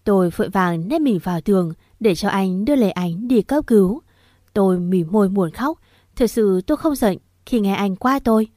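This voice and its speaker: Female audiobook narrator, first-person story, mellow tone, dry close recording. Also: mid-range voice, normal speed, no room sound. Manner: steady, emotive storytelling.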